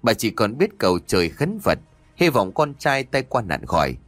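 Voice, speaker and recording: A man narrating a horror story in an expressive, dramatic way. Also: mid-range voice, normal speed, no echo.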